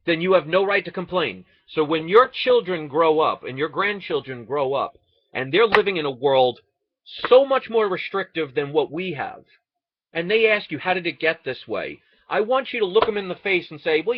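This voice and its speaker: Casting: American male ranter, higher voice with big swings, sarcastic and indignant, dull dry lo-fi recording. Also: no room sound. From United States. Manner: indignant, sarcastic, rhetorical questions. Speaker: online video ranter. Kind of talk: impassioned political rant.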